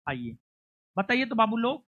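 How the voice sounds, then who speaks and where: Woman teacher, unhurried delivery, dry close sound, classroom drilling. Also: fairly high pitch, very animated, fairly bright tone, dry recording, highs cut off. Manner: coaxing, scolding students in a local dialect. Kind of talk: classroom lecture.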